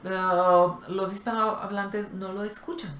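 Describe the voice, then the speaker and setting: A woman's voice: mid-range voice, measured pace. A woman co-hosting a language lesson, chatting casually and giving spoken examples. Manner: animated, gives spoken examples. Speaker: co-host of a language channel. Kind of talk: explanatory casual conversation. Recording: roomy echo.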